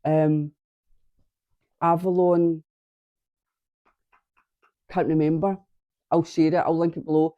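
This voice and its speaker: Deep-voiced and slow, with little pitch movement and frequent pauses, this knitting vlogger speaks to a camera on a tripod at home. The lo-fi audio has no room sound. Congested from her sinuses, she chats and rambles, interrupting herself before finishing sentences.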